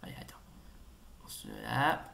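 A young man commentating a retro game as he plays, excitable and stammering, with sudden swearing outbursts. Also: slow pace, in a whisper. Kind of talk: casual let's-play commentary.

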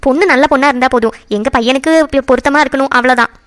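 A woman voices a fretful cartoon mother, high-pitched and quick. She frets and pleads over her son's marriage, always pressing. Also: fairly even intonation, fairly bright tone, dry recording, clean studio sound. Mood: hospitable. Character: middle-aged mother, anxious and emotional.

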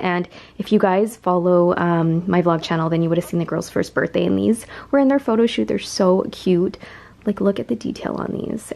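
Tidying her home beauty room, a woman in her thirties talks casually to the camera, musing aloud and raving about items she uncovers. Her voice is lowish and somewhat dark, and the camera mic travels around the noisy space.

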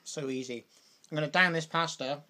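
A man's voice: a little high, brisk, over music. A young British man vlogging over a meal, rambling casually with lots of "like" and "you know". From Britain. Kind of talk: casual chat while eating.

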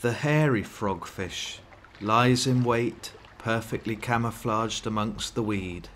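A man with a fairly low voice narrates a nature documentary from a script. His delivery is that of a wildlife film narrator, with some ambient noise audible behind him. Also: slow, a bit bright.

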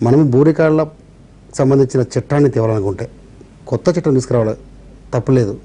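A man's voice: mid-range voice, quick pace, mellow. A man with a Telugu accent, a revenue officials' representative on a TV debate, explaining measuredly and citing laws and history.

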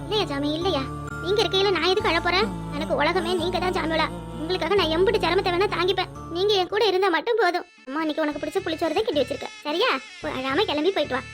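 A woman's voice: very high voice, fast talker, over music. A woman voicing a weary, devoted village mother of three in a cartoon, with a southern Tamil accent from Tirunelveli, scolding and coaxing her children. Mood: soothing. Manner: scolding then tenderly coaxing, dialect endearments. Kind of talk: cartoon voice acting.

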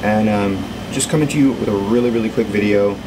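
A man with a fairly low voice chats casually to the camera, pausing often as he finds his words. A steady, clearly audible hum sits behind him in a small workshop. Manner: hesitant, unscripted, pausing often. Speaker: video host, pipe maker. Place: small indoor cluttered workshop. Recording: steady background hum and noise.

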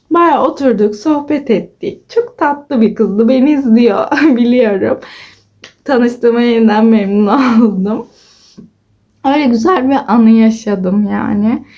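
A woman's voice: on the high side, a little mellow, highs cut off. A woman in her twenties chatting to her followers in a casual vlog, telling stories and acting out what people said, with giggles. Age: 20s. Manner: chatty storyteller, acts out quoted dialogue with giggles. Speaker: vlogger.

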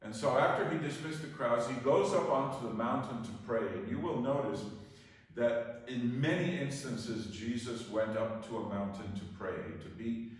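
Man, priest, homily, conversational, folksy, long church reverb, distant mic. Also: medium pitch. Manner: conversational, folksy preaching with pauses. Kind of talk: Sunday homily. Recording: echoey church, voice from far off.

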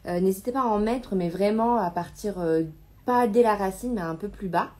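Woman, mid-pitched voice, hesitant co-host, lots of fillers, casual advice. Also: normal speed, dark tone. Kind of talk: casual live chat.

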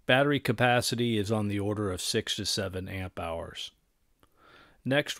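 A middle-aged man with a fairly low voice presents radio equipment in scripted technical narration, choosing measured, formal, precise words. The studio-quality recording has no room sound.

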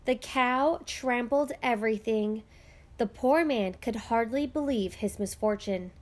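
A woman narrating a children's picture book aloud with slow, expressive storytelling. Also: fairly high pitch.

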